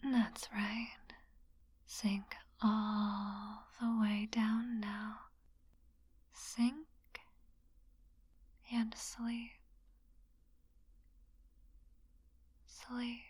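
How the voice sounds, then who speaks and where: A woman performing a whispered role-play as a teasing, gently dominant young hypnotist classmate, speaking in a mesmerizing, coaxing way. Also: a little high, little pitch movement, extremely slow, long pauses, husky, no echo, full character voice. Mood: mesmerizing, commanding.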